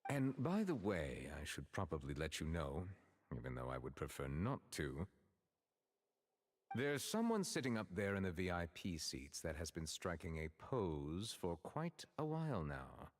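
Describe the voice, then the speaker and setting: A man's voice: low voice, huge pitch swings, unhurried, heavily acted. A man voicing a dignified, reserved male chief justice in a video game, who speaks with formal courtesy. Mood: courteous, calm. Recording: game audio with faint hiss and long reverb.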